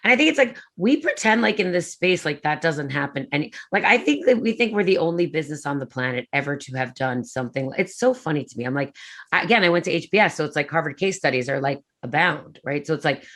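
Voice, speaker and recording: This is a prefab industry executive in conversation at a conference, her voice low and lively. Her delivery is quick and animated, packed with filler words.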